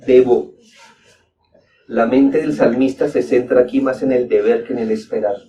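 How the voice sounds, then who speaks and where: A man's voice: mid-range voice, steady tone, fairly quick, warm tone. A man preaching a sermon as a pastor, speaking earnestly with repeated exhortations and emphatic rises. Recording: dull distant mic with faint background noise.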